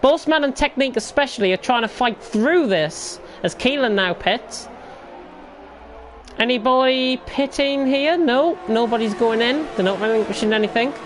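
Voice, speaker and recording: A woman commentates live on a motorsport race as it unfolds, with a high voice at a moderate pace. Clear noise sits behind her throughout.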